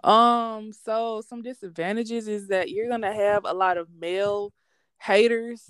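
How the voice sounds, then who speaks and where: Slangy young woman, smooth voice. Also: mid-range voice, unhurried, dry recording, studio quality. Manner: candid, slangy, animated storytelling. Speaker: sports podcast host being interviewed. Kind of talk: casual interview.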